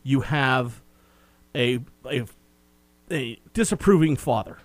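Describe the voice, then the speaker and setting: A man's voice: medium pitch, expressive, slow, no echo. A man co-hosting a casual film review chat, recapping the plot in a meandering, talkative way. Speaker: movie review co-host.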